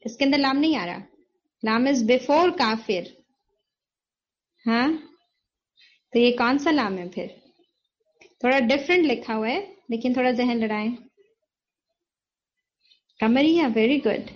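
A woman's voice: high voice, dull audio. A woman teaching Quran recitation rules, patiently quizzing her students and confirming their answers as she explains, mixing in English terms.

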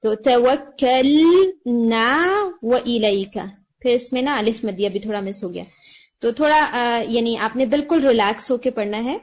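This is a woman with a fairly high voice, teaching Quran recitation to a student over a video call. She explains each correction patiently, slowing right down to model the words. The call audio is dull and lo-fi. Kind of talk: online tajweed lesson, giving feedback.

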